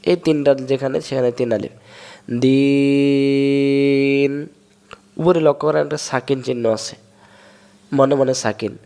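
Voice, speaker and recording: A man from Bangladesh, teaching Quran reading step by step and drawing out sounds slowly to show them. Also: mid-range voice, vocal fry, darkish tone. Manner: explains step by step, drawls sounds slowly to demonstrate. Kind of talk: recitation lesson.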